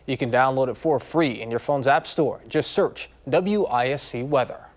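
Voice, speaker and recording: A man's voice: mid-range voice, moderate pace. A man anchoring an evening TV newscast from a studio, upbeat, with casual asides. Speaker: news anchor. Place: TV news studio.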